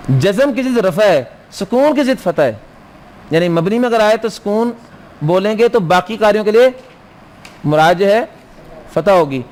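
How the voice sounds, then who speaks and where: A man teaching Quran recitation rules in a classroom lecture, quizzing his students and answering his own questions, and slowly chanting Arabic verse lines. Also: sits high, darkish tone.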